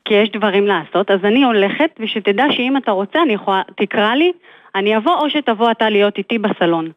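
A woman's voice: mid-range voice, expressive, dry recording. A mother describing a problem to an advisor, speaking hesitantly with many fillers. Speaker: mother seeking advice. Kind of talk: consultation call. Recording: tinny phone line.

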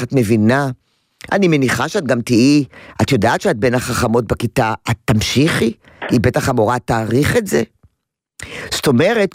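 A man advising a caller on a radio program, animated, acting out quotes and repeating words for emphasis. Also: mid-range voice, no echo, clean studio sound. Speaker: parenting advisor on a radio call-in. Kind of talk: advice to a caller.

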